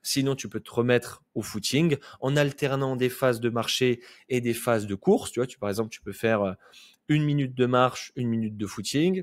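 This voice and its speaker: A male fitness coach talks straight to the viewer in a chatty, informal way, often checking in with a quick "ok?". His voice sits at an ordinary middle pitch. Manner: chatty, direct, addresses viewer informally with frequent "ok?". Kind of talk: casual explanatory video talk.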